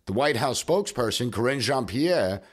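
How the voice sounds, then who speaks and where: A man hosting a political commentary podcast. He talks in a steady, emphatic way and presses each argument point by point, with a touch of scorn now and then. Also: mid-range voice, moderate pace. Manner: emphatic, argumentative, mocking at times. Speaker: podcast host.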